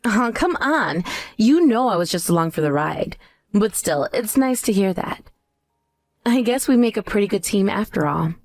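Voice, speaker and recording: A woman's voice: mid-range voice, sing-song, normal speed, no room sound, studio quality. A woman playing a cool, scornful wife out for revenge in a dramatized story. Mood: pleased. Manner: taunting, cool. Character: scornful, vengeful pregnant ex-wife, coolly triumphant. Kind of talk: dramatized story dialogue and narration.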